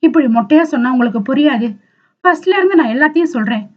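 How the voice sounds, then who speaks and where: A woman reading the lines of a gentle young woman, tearful and troubled. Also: sits high, lively intonation, fast, dull audio. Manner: soft, tearful.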